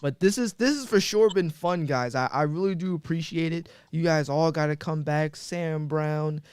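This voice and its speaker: A man's voice: fairly high pitch, moderate pace, clear, resonant tone, no room sound, clean studio sound. A man hosting a casual sports podcast, talking loosely with friends and rambling through his sign-off with plenty of ums and uhs. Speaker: podcast host.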